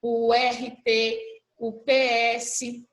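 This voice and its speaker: A high-pitched woman teaching young pupils, patiently spelling out letter pairs one at a time. She talks in a roomy, echoing space at school. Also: flat delivery, very slow. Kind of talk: recorded class review lesson.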